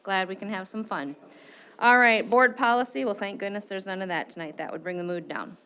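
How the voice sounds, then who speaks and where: Bright, joking woman chairing a board. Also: medium pitch, clear, resonant tone. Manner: brisk and joking. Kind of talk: chairing a public meeting. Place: board meeting room.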